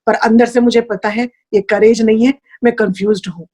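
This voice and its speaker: High-voiced woman sharing a spiritual testimony. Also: fairly even intonation, moderate pace, mellow. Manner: earnest, heartfelt, mixes in English phrases. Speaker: guest sharing a spiritual experience. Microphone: video call.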